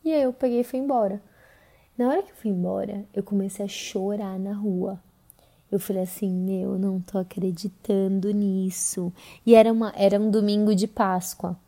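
Young Brazilian woman telling her own story to podcast listeners; conversational and full of fillers, with a very dark, mellow tone. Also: medium pitch, fairly even intonation, normal speed. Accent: Brazilian Portuguese. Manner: conversational retelling with many fillers.

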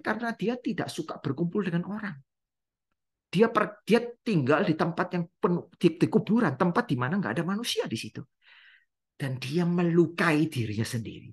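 A man's voice: fairly high pitch, slightly rough. A man preaching a Bible study, who asks his listeners questions, answers them himself and repeats key phrases for emphasis.

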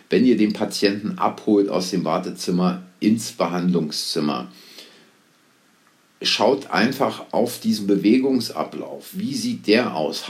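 Man, very deep voice, calm coach, guided visualization, endless probing questions. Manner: steady stream of probing questions. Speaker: coach guiding dental practice teams.

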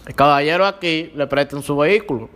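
A man's voice: on the high side, a little fast, fairly bright tone. A man guest on a podcast, teasing his friends with a playful, dramatic retelling of a story. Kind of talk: casual storytelling among friends. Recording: reverberant room.

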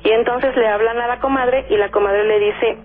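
A woman with a Mexican accent tells a spooky family story as a caller on a radio show. Her voice sits a little high and comes through a narrow, tinny phone line. She stops to act out what others said and fills her pauses with "este". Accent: Mexican Spanish. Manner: lively storyteller who acts out her parents' lines, frequent "este" fillers. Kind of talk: telling a ghost story on a call-in show.

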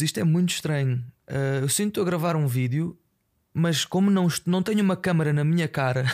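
A man's voice: on the high side, creaky. A young man with a European Portuguese accent talks into a close microphone in a casual solo podcast, rambling, swearing often and mixing in English fillers. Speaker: podcast host.

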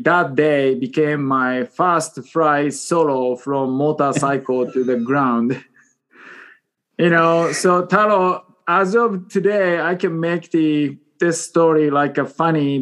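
A Japanese man in his forties speaks English as a second language as a podcast guest, telling a personal story with a Japanese accent. In this casual interview he is halting, self-deprecating and joking. His voice is a little high and fairly bright, with fairly even intonation.

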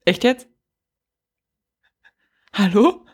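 A woman's voice: medium pitch, sing-song, drawn-out words, husky. A woman co-hosting a casual podcast, rambling and hesitant, with frequent giggles. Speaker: podcast co-host.

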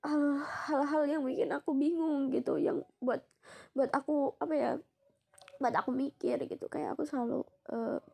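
A young woman from East Java telling a personal story in a soft, reflective way, pausing often with fillers. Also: high-pitched, gravelly, slightly rough. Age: young adult.

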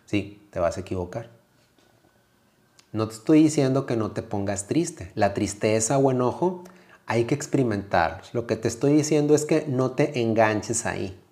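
A man with a Mexican Spanish accent, a yoga teacher hosting a motivational podcast, speaking calmly and reflectively straight to the listener. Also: medium pitch, moderate pace.

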